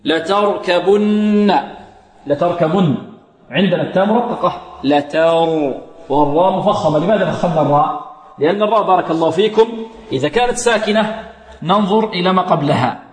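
A man's voice: high voice, expressive, fast. A man teaching Quran recitation, quizzing students with questions and modeling each sound again and again. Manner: poses questions to students and answers them, models and repeats pronunciations. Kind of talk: recitation lesson. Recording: echoey hall with long reverb.

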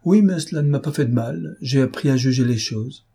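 A cheeky, quick-witted young woman, as a male reader puts her on, teasing and pert. Her voice sits noticeably higher than the reader's own and carries a brighter, raised push. The storybook delivery stays playful and needling. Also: gravelly, husky. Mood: mocking.

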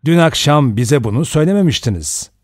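A man reading an audiobook and voicing a gruff, suspicious ex-policeman who talks bluntly and keeps prying. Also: a little high, expressive, brisk, darkish tone, dry recording, studio quality, pitched above the performer's own voice.

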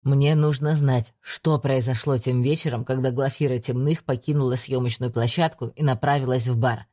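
A woman voicing a calm male police investigator who talks low, steady and coaxing in an audiobook. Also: moderate pace. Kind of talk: audiobook reading.

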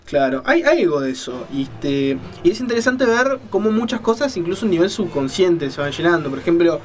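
Very animated and fairly quick, a high-pitched man with a darkish tone hosts a radio program about books and films. His commentary is conversational and explanatory, sprinkled with little question tags.

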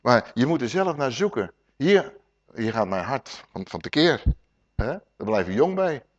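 A middle-aged man preaching a lively Bible teaching, asking the congregation questions and acting out voices. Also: mid-range voice, a little slow. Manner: animated, rhetorical questions to the congregation, acts out voices. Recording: dull lo-fi sermon recording.

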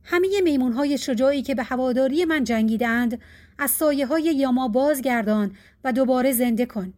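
A proud young hero-king speaks in stern, formal words from an old storybook, read out by a woman. The voice sits high and clear, with the measured weight of a fable told aloud. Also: darkish tone, natural voice. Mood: pleading. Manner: formal, solemn speech.

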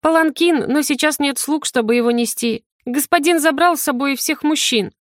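A high, breathless little voice of a frightened teenage maid, as a woman reader puts her on. She pleads and frets in an anxious rush. The audiobook sound is close and dry, with no room around it. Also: normal speed, no room sound, lightly acted. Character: timid tearful teenage girl servant. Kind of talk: audiobook character voice.

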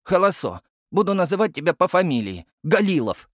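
A man voicing a cocky two-year-old boy with a squeaky voice who says L instead of R, in an audiobook. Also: big pitch swings, fairly quick, no room sound, clean studio sound. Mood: cheeky.

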